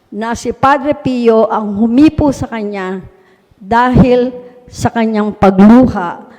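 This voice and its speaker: Earnest woman telling a testimony in a hall. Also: on the high side. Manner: polite, earnest storytelling with frequent respectful particles. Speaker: mayor giving a testimony. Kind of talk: personal testimony speech to an audience. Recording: long hall reverb.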